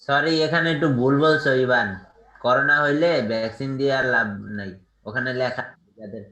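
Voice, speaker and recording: A man, a student in an online class, who argues his point fast and keeps saying sir. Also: mid-range voice, fairly even intonation, sharp tone. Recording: echoey room.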